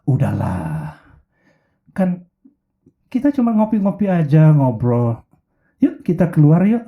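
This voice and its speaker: A man doing a coaxing smooth ex-boyfriend. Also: a little high, huge pitch swings, slow, full character voice. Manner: coaxing, sweet-talking. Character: smooth-talking male ex-boyfriend, persuasive. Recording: tinny phone-like sound.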